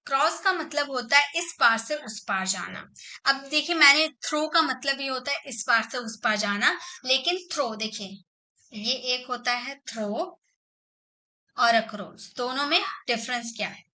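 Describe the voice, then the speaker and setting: A woman's voice: sits high, a little slow, sharp tone. A woman teaching an English grammar lesson online, explaining step by step and putting questions to her students.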